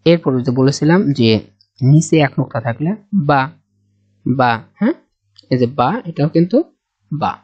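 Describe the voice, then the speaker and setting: A Bangladeshi Bengali-accented man teaching Quran letters slowly and patiently, sounding out each letter several times for learners. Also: a little high, husky, dry recording. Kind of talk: slow step-by-step letter lesson. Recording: dull dry close recording.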